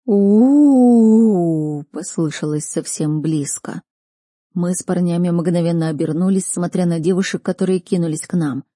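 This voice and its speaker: Husky, dark-voiced woman narrating. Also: lowish voice, fairly even intonation, moderate pace, no room sound, studio quality. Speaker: audiobook narrator. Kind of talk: scripted narration.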